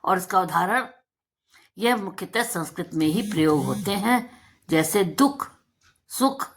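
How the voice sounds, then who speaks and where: A woman's voice: on the low side, expressive, unhurried. A woman teacher giving a lesson to children, drawing out example words and asking and answering her own questions. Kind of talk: slow, deliberate Hindi lesson for children.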